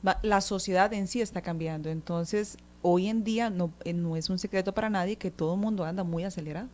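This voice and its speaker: A woman's voice: fairly low pitch, a little fast, a little mellow. Woman explaining things patiently. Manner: explains patiently, often checks in with a question tag. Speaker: guest expert on child communication. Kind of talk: explanatory talk-show conversation.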